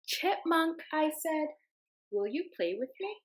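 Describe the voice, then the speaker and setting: Reading a picture book to her class, a young teacher keeps a gentle, unhurried pace in a slightly high voice. Her pitch swings widely, rising into a bright sing-song as the story's child calls the animals.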